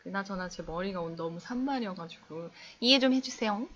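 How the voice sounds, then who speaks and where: With lively intonation and a fairly bright tone, a young woman speaks a little fast over dull audio while teaching English on a casual stream. She reads comments from the chat, laughs, and acts out skits in playful, exaggerated high voices.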